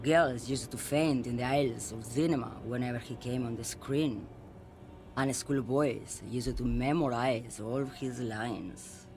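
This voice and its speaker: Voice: medium pitch, steady tone, a little slow, a little mellow, a little hiss or hum, natural voice. An actor playing a nostalgic, defiant old woman truck driver in a video game, wistful and insistent. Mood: dreamy, defiant. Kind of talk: video game character acting.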